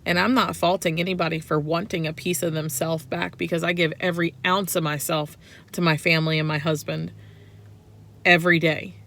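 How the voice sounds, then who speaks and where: A woman in her thirties venting to the camera from her parked truck, emphatic and growing loud. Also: lowish voice, level tone, brisk, vocal fry. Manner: frustrated, emphatic, grows loud. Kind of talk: casual rant.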